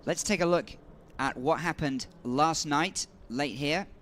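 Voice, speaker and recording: A man commentating on a motor race in a measured style, building emphasis on key moments. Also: on the high side, a bit bright, a little hiss or hum.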